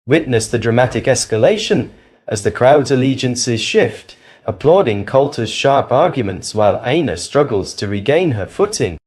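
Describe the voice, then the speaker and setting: A man reads a scripted commentary voice-over in a declamatory, opinionated way. His delivery is animated, rising and falling throughout. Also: mid-range voice, moderate pace, slightly rough. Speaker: commentary narrator.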